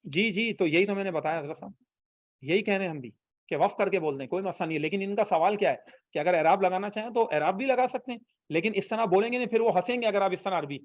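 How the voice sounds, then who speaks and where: A man's voice: high-pitched, no echo, muffled recording. A man teaching an online language class, patiently repeating phrases for students to copy. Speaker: Arabic teacher.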